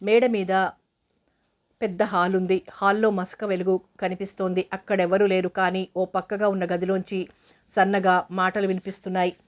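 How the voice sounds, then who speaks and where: Woman reading an audio novel, steady and even, not much pitch movement. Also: normal speed. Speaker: audiobook narrator. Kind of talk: scripted narration of a novel.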